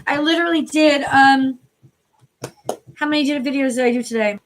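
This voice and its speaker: Hosting a tarot livestream, a woman from the New York City area talks in a hoarse, high voice at a moderate pace, with a little hiss or hum in the audio. She's chatty and profane, keeping it casual and greeting viewers by name.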